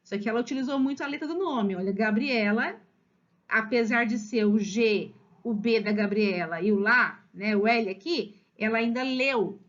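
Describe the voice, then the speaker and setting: A woman with a Brazilian accent explaining children's writing levels to parents as a teacher, stretching words slowly syllable by syllable. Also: on the high side. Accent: Brazilian Portuguese. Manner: lively, drawn-out slow spelling of syllables. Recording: slightly dull lo-fi recording.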